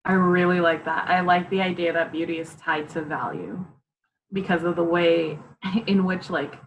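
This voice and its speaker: Eager, chatty woman with a lower voice, speaking on a video call. Faint background noise sits under her talk. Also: fairly even intonation, normal speed, muffled recording. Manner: eager, chatty, laughing between points. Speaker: workshop participant. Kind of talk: casual discussion.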